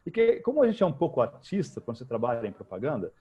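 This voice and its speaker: A man with a Brazilian Portuguese accent, a guest telling lively, slangy anecdotes in a casual interview. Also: medium pitch, very fast, slightly rough. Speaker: guest, futurist.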